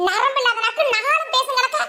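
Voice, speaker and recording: A woman voicing a strict, shrill middle-aged village mother who scolds her daughter in a cartoon. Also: brisk, echoey room, heavy background noise. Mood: scolding. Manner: shouting and scolding.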